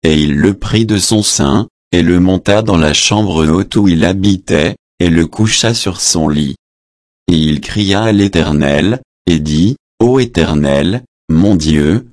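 Slow, deep-voiced man reading scripture. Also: dry recording, clean studio sound. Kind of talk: Bible reading with spoken footnotes.

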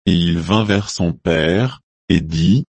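A man reading scripture aloud in a slow, solemn manner. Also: low voice, slightly rough, no echo. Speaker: scripture reader.

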